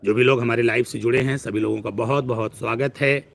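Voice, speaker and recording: A man's voice: mid-range voice, steady tone, brisk, gravelly. A man giving a preachy live-stream astrology talk who piles up long lists of words.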